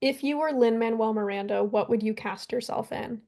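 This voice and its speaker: A woman's voice: a little high, moderate pace, creaky, mellow. A woman co-hosting a casual podcast, chatting in an easygoing way. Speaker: podcast co-host.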